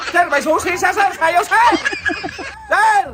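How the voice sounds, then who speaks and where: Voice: high-pitched, very animated, fairly quick, very noisy. A dubber voicing a whiny pet stuck in jail that keeps calling for the guard. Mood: pleading. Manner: whiny, pleading, yelps for the guard. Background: music.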